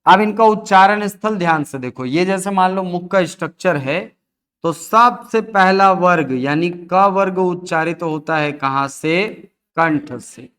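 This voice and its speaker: Male teacher, fairly high and resonant voice, explaining step by step and answering his own questions. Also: measured pace, a bit bright, clear, resonant tone. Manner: asks and answers his own questions, addressing students as sir. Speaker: Hindi teacher. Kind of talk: classroom lecture on phonetics.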